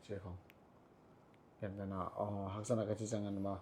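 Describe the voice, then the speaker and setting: Guy being interviewed on a podcast, lowish mellow voice, explains stuff plainly. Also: flat delivery, moderate pace, a little hiss or hum. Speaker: podcast guest, community founder.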